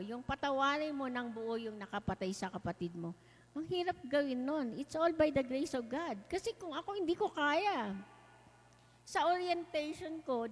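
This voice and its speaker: A woman with a high voice tells her story as a casual testimony. She is lively and laughs often as she talks. Her voice carries a long, echoey reverb. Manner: lively, laughs often while telling stories. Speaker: guest sharing a testimony.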